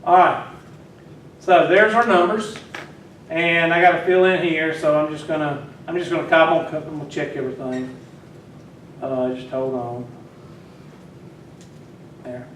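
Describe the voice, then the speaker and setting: During a classroom lecture, a man teases his students and talks to them while working. His fairly high, fairly bright voice is unhurried and broken by long pauses. The mic is far away, so the echoey classroom sounds distant, with faint noise.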